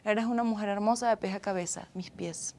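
Hosting a live stream from a small room with a couch and acoustic foam, a young woman from Caracas, Venezuela, answers viewer comments in a casual, expressive way with a Venezuelan accent. She speaks fairly quickly in a medium-pitched, darkish voice, with slight background noise.

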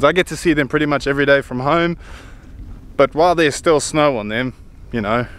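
A middle-aged vlogger with a smooth, medium-pitched voice talks eagerly and wanders off topic while walking on a hillside, recording himself on a phone he holds in his hand.

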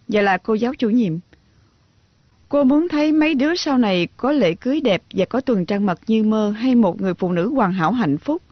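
Jilted young teacher, sharp-tongued and defiant, bright-ish pitch, lo-fi. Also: female voice, no echo. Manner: defiant, biting. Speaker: dub actress. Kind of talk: dubbed TV drama acting. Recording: dull lo-fi dub audio.

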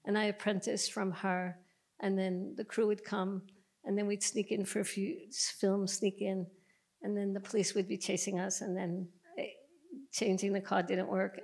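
A middle-aged woman speaks into a handheld mic on a museum panel stage, recounting her past work at length. Her pitch stays flat and even, and she keeps circling back with fillers and restarts. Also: creaky, husky. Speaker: documentary filmmaker, panelist. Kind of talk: panel discussion, storytelling. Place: museum auditorium stage, seated panel before an audience. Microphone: handheld microphone.

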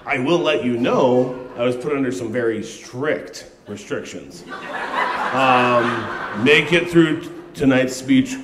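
A young man stands at a wedding reception with a handheld mic, reading his best man toast off his phone and chuckling at his own jokes. His mid-pitched voice rings through an echoey hall, with faint room ambience underneath. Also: takes it slowly, background noise. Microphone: handheld microphone.

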